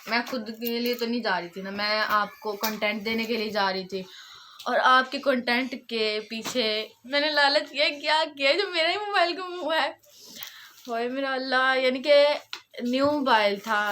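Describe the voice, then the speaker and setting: A woman's voice: a little high, background noise. A woman with a Saraiki accent telling her vlog viewers a rambling story, emotional and half laughing, half tearful. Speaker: vlogger.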